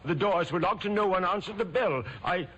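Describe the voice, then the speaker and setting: An actor playing a middle-aged man who is anxious and halting, in a radio drama. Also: high-pitched, fairly bright tone, dull audio, a little hiss or hum. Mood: distressed. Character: worried middle-aged brother finding a crime scene. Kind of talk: 1970s radio drama acting.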